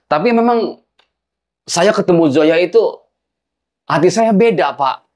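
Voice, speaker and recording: A man's voice: sits high, animated, unhurried, darkish tone. A young man playing a son-in-law who apologizes and pleads with his angry father-in-law in a film. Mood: pleading. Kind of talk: low-budget film acting.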